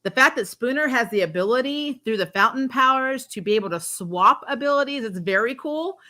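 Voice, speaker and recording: A woman with a fairly high, bright voice hosts a TV recap livestream, speaking briskly and forcefully with lively intonation. She rambles and giggles through a casual episode recap, often correcting herself and acting out quotes from the show.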